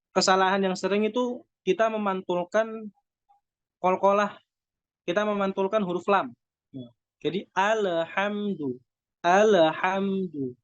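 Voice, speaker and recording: An Indonesian man teaching Quran recitation rules, explaining step by step and then reciting slow, drawn-out examples. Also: sits high, no echo. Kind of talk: tajwid lesson with recited examples. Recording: dull, dry lo-fi recording.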